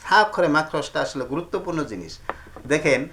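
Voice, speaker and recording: A man's voice: fairly high pitch, lively intonation, brisk, fairly bright tone, slight background noise. A man teaching Quran letters and their pronunciation, patiently repeating each sound and asking his pupils questions. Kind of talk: slow, repetitive step-by-step teaching. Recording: roomy echo.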